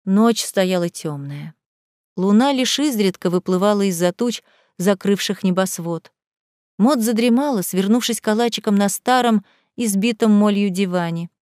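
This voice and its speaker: A woman reads a novel aloud in a measured, even storytelling voice. Her pitch sits in the middle range. The recording is close and dry. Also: no echo. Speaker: narrator. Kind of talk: audiobook narration.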